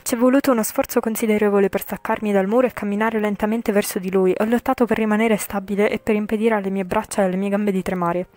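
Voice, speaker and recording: A woman's voice: mid-range voice, fairly even intonation, fast talker, few pauses, darkish tone, no echo. A woman reading a visual novel aloud for viewers, with frequent slips, self-corrections and chatty asides. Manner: chatty asides with English swearing. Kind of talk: reading a game aloud with casual commentary.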